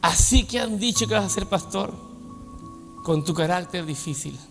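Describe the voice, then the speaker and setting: A man from Peru preaching a sermon as pastor, with dramatic swings from soft asides to shouting. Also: high-pitched, normal speed, gravelly. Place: church hall. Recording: long church hall reverb with faint music.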